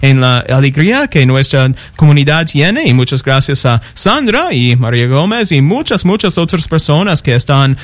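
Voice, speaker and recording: American priest guy, stops and restarts a lot, higher voice, dead dry sound. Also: big pitch swings, dry recording. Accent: American English. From Nebraska, United States. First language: English. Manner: halting second-language speech with fillers and restarts. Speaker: parish priest. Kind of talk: radio interview guest.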